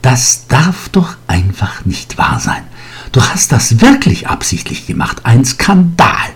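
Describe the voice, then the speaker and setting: A man voicing a small, shrill old woman, a former strict teacher who scolds and threatens in an audiobook story. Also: very animated, slow pace, husky, heavily acted. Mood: scolding.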